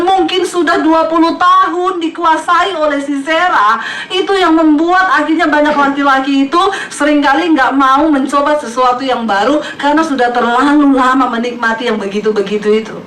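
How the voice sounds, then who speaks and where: A woman's voice: a little high, a bit bright. A woman pastor preaching a humorous sermon, playfully acting out the voices of people in her stories and laughing often. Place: church hall with congregation. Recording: echoey hall from far off, crowd noise.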